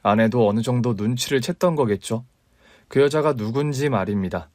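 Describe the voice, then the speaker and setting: A man in the middle pitch range narrates a radio story calmly, retelling events he heard from someone else. The recording is dry and close, with no room around the voice. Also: moderate pace, no room sound. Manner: calm, retelling secondhand.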